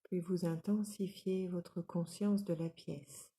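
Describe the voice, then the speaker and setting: Speaking as an instructor, a woman leads guided yoga nidra relaxation, her directions calm, measured, and soothing. Her voice sits on the low side.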